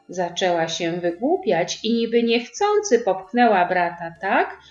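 A woman reads a children's storybook aloud, slow and full of lively melody. The sound is roomy and a little dull, with soft music underneath. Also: lowish voice. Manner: expressive, slow, sing-song reading.

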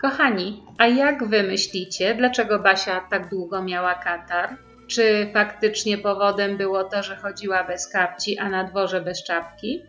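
A woman reading a story aloud to preschool children in a gentle storytelling manner. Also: mid-range voice, fairly even intonation, measured pace, hardly any pauses. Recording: roomy, dull sound with faint music.

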